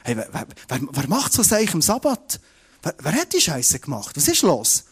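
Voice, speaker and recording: Strict religious men scold and splutter in outrage, as a preacher acts them out. The voice stays fairly high and close to his normal tone. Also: huge pitch swings, normal speed, slightly rough, heavily acted. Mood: outraged.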